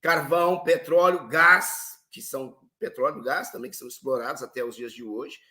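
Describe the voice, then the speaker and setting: A man's voice: mid-range voice, fairly even intonation, moderate pace, pushed and bright. A man giving a lecture, explaining step by step and asking rhetorical questions that he then answers himself. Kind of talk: lecture on history and geopolitics.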